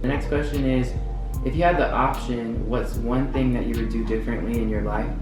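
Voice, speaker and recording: A young man in his twenties chats openly through a casual vlog Q&A, loose and full of fillers. His voice sits a little low and sounds set back from the mic in a roomy, echoing space. Guitar music plays clearly behind him. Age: 20s. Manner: chatty and open, loose filler-heavy talk. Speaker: vlogger. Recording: roomy echo from a distance, with music.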